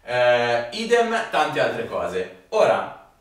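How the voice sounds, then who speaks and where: A man's voice: medium pitch, huge pitch swings. A man, an Italian English teacher, giving a chatty grammar lesson to his students and going over each rule more than once. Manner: chatty, explains slowly and repeats rules. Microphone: phone camera. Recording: echoey room, mic at a distance.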